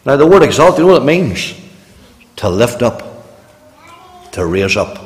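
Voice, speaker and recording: A man's voice: medium pitch, big pitch swings, normal speed. Man preaching in a reverberant church. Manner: earnest, rising to emphatic preaching. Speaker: pastor. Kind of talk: sermon. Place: church sanctuary.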